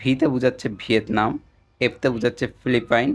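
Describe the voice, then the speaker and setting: A man teaching short general-knowledge and exam tips, explaining step by step and quizzing with quick answers. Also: mid-range voice, flat delivery.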